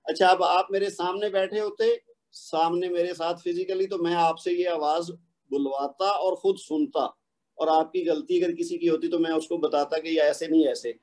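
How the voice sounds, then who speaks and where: Man, Pakistani Urdu accent, recitation teacher, mellow tone, slightly high voice, patient explanations, slow drawn-out recited examples. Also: steady tone. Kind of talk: online tajweed lesson.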